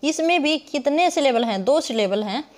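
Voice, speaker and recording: A woman's voice: high voice, lively intonation, moderate pace. A young woman teaching poetic meter in an online lesson, asking questions she answers herself and sounding out words syllable by syllable. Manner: rhetorical questions she answers herself, addresses viewers as guys. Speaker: literature teacher.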